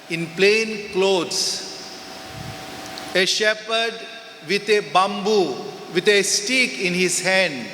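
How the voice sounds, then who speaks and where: This is a Mass reading and homily by a Goan-accented man, a priest at the pulpit microphone whose pitch is high and whose delivery is pushed and bright. He keeps to short, measured phrases, heard through church speakers in a cavernous, reverberant space with slight background noise.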